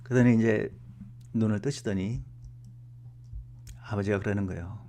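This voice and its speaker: A man's voice: on the low side, normal speed, dark tone. Middle-aged male pastor telling sermon stories. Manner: personal anecdotes with acted quotes, conversational. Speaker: guest pastor at a revival meeting. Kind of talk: sermon storytelling. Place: church sanctuary.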